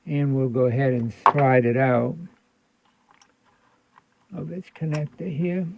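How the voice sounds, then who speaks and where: The recording has a thin, band-limited, phone-like quality with slight background noise. A man with a slow, mid-range voice and vocal fry explains electronics repair casually at an indoor workbench, thinking aloud and going over his points again.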